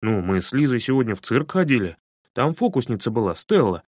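A man's voice: medium pitch, sing-song, fairly quick, a little mellow, no room sound, clean studio sound. A man doing a timid, grumbling schoolboy. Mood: excited. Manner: hesitant, grumbling. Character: timid schoolboy, anxious and reluctant.

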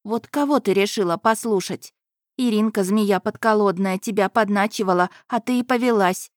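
A woman's voice: mid-range voice, normal speed, no room sound, studio quality, natural voice. A woman voicing a doting, stout old nanny who fusses and laments over her charge. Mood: fussing. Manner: lamenting, fussing.

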